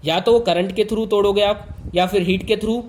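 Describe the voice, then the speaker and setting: A male teacher talks his students through a lesson in an easy, informal way. His voice sits fairly high for a man, and he presses key points by repeating them and straight to the class. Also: steady tone, moderate pace, darkish tone, a little hiss or hum. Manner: repetitive, emphatic, addresses students directly.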